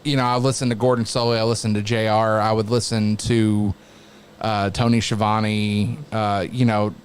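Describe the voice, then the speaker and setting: A man who works as a wrestling announcer, chatting casually as an interview guest in a halting, reflective way. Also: lowish voice, flat delivery, smooth.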